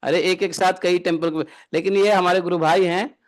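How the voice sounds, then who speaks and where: Guy giving a spiritual talk, kinda high voice, jokey, keeps asking the crowd stuff. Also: steady tone, moderate pace. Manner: bantering, asks listeners rhetorical questions. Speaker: spiritual teacher. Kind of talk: Hindi devotional discourse.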